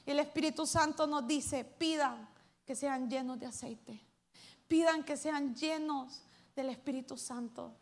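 High-voiced woman preaching a lively sermon. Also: unhurried. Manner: lively preaching, swings between loud calls and hushed asides. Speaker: pastor.

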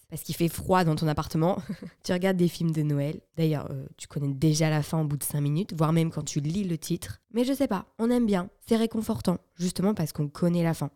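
Chatty young woman podcast host, low and mellow. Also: dry recording, studio quality. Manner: chatty, playful, self-mocking. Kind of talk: casual chat.

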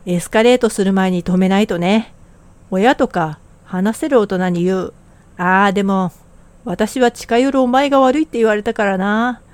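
A woman's voice: medium pitch, moderate pace, darkish tone, smooth, no room sound. A woman co-hosting a podcast, talking in a blunt, casual, plain way. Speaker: podcast co-host.

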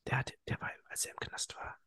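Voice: fairly quick, pushed and bright. A podcast co-host whispering a story, stumbling and restarting words. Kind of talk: whispered casual chat.

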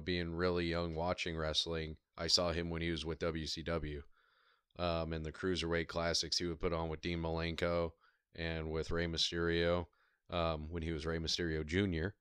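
A man in casual conversation, telling stories in a thoughtful, measured way with frequent ums. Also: deep voice, a bit bright, clear, resonant tone, no room sound. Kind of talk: casual chat.

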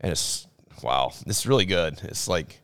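A man in casual chat, answering in quick, agreeing replies. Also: low voice, expressive, fairly bright tone, clean tone.

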